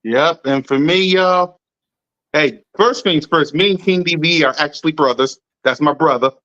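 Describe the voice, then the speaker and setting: A man's voice: a little high, normal speed, fairly bright tone. A man hosting a sports podcast, playful and bigging himself up as he hands the floor to others. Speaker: podcast host. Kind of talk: casual sports chat. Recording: dull lo-fi sound.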